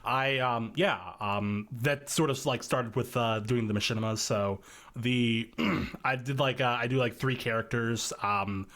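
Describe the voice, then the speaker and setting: A man's voice: medium pitch, fairly even intonation, measured pace, fairly bright tone. A man talking casually as a podcast guest, hesitant, with many fillers and restarts. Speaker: podcast guest, video editor and voice actor. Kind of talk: casual chat.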